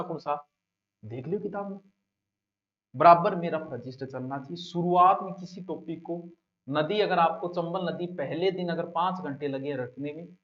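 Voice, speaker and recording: A man's voice: fairly high pitch, a bit bright. A male coaching teacher, giving a direct, conversational exam-prep lecture to students. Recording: dull lo-fi classroom recording.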